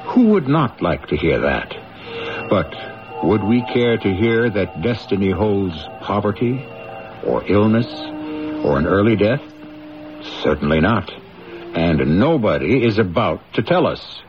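A man hosting a radio drama, delivering scripted narration with theatrical, measured phrasing. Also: on the low side, big pitch swings. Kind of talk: scripted narration, rhetorical questions. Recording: dull radio recording. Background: prominent music.

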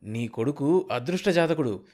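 A man voicing an excited, scheming male village middleman who talks in a loud, high, insistent way. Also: moderate pace, natural voice. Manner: shouting, high-pitched and insistent.

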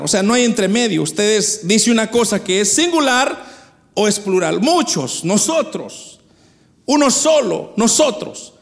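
Male preacher, unusually high pitch, explanatory sermon delivery, restarts and repeats words. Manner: explanatory, addresses congregation directly.

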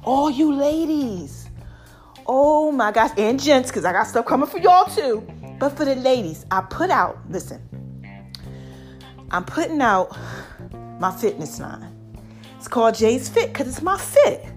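A woman's voice: high voice, sing-song, a little slow, long pauses, soft background music. An American woman in her forties talking casually and emphatically to her online audience like a motivational host, repeating catchphrases and checking in often, her voice slightly affected by allergies. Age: 40s. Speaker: online motivational host selling her own fitness line. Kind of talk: casual direct-to-audience monologue.

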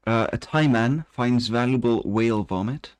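A man's voice: mid-range voice, moderate pace, clear, resonant tone, no echo. A man co-hosting a casual podcast, reading odd news stories aloud with dry asides and frequent laughter. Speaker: podcast co-host.

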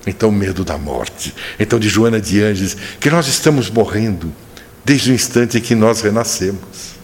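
A man teaching a spiritual study class, telling stories and slowing down to stress points. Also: on the low side, a little hiss or hum. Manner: animated storyteller, slows down for emphasis. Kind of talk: religious study lecture with storytelling. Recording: echoey hall reverb.

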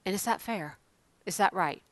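A woman preacher delivering a sermon in an emphatic, exhorting way, slowing on key phrases and putting pointed questions to her listeners. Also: mid-range voice, no room sound. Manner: asks pointed rhetorical questions. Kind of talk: sermon to a congregation.

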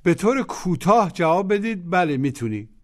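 A man's voice: high-pitched, very animated. A man teaching a language course, giving patient step-by-step instructions for repetition drills. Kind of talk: explaining drills in Persian.

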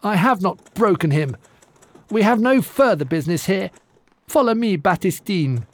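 A towering, furious giantess, as a male narrator puts her on, shrieking high and loud with a thunderous edge. Her voice leaps wildly in pitch and carries a husky grain. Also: lively intonation, normal speed.

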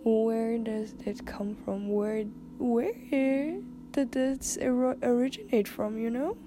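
Congested nasal woman telling stories casually, kinda slow n musing, music in the background. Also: fairly high pitch, dark tone. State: congested sinuses. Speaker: storyteller. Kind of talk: casual personal storytelling. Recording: music behind the voice.

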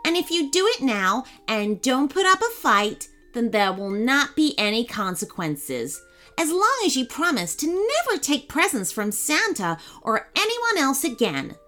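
A woman voicing a bold young boy who gives stern, slow orders in a children's story. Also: high voice, very animated, bright, forceful tone, faint music behind, heavily acted. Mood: commanding.

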